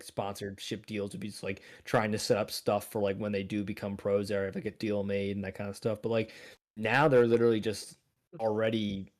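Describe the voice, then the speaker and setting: A man's voice: on the low side, a little mellow. A man co-hosting a casual livestream review, rambling and heavy on filler words. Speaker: co-host.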